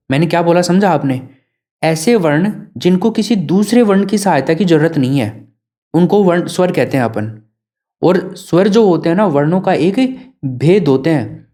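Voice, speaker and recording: A man's voice: fairly high pitch, mellow. A male teacher giving an exam prep lesson, often asking his students questions and then answering them himself. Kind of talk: classroom lesson.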